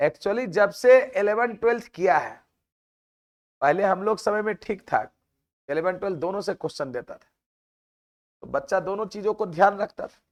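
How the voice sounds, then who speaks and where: A man with a noticeably high voice and a Bihari Hindi accent teaches a math class. He talks in a chatty way, scolds his students and keeps asking rhetorical questions. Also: expressive, moderate pace, long pauses. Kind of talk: classroom lecture with side talk.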